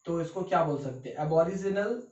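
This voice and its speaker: A man's voice: on the high side, a little fast, darkish tone. A man giving a vocabulary lecture, emphatic and often checking that students follow. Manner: emphatic, repeatedly checks understanding. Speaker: vocabulary teacher. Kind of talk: classroom lecture. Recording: roomy, distant, dull lo-fi sound.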